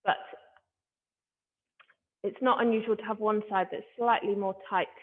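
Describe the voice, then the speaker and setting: A woman teaching a ballet exercise class, talking through the movements in short, measured cues. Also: mid-range voice, steady tone. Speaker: adult ballet instructor. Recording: thin phone-like sound, faint music behind.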